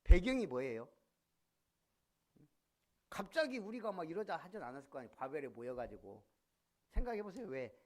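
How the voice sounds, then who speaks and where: Animated man preaching a sermon. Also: a little high, moderate pace, long pauses. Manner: animated, asks the congregation questions. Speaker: pastor. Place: church sanctuary.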